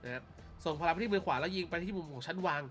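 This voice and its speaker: A man's voice: fairly high pitch, racing, a bit bright, soft background music. A man from Thailand doing casual commentary on a mobile game, chatty and filling his talk with polite little add-ons as he reads the story aloud. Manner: chatty, constantly adds polite fillers.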